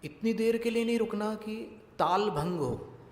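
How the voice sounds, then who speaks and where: A male monk giving a religious discourse, teaching Sanskrit pronunciation slowly and deliberately and putting questions to his listeners. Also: high voice, a little mellow. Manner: slow, deliberate, questions the audience. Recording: echoey hall with long reverb.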